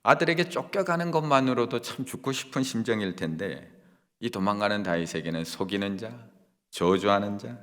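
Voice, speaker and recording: A man's voice: on the low side, a bit bright. A man preaching a sermon as senior pastor at a Friday prayer meeting, passionately voicing anguished prayers to God. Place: church sanctuary. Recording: long church hall reverb.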